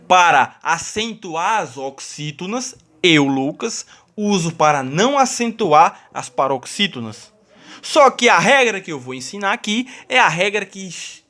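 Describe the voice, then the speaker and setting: A man's voice: high-pitched, sharp tone. A Brazilian man teaching a grammar lesson, explaining step by step and often checking in with his students. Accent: Brazilian Portuguese.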